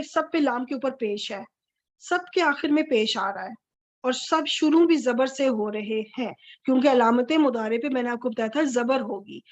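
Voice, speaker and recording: A woman gives a recorded grammar lecture in a high voice. She is patient, and she says each verb form slowly more than once and stresses the endings. The sound is dull and lo-fi. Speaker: Quranic Arabic grammar teacher.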